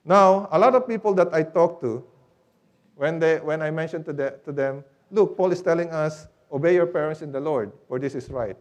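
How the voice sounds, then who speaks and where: A man's voice: a little high, moderate pace. Man preaching an explanatory sermon. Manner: teaching step by step, with rhetorical questions. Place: church.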